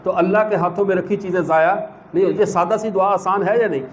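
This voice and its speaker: High-voiced man telling religious stories. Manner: animated storyteller who acts out the people in his anecdotes. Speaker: religious speaker. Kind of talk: storytelling religious talk. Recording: slightly dull recording with faint background noise.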